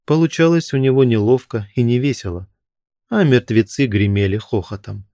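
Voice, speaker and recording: A man narrating a horror story in a measured, unhurried storytelling manner. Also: medium pitch, dark tone, dry recording, studio quality. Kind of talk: audiobook narration of a horror tale.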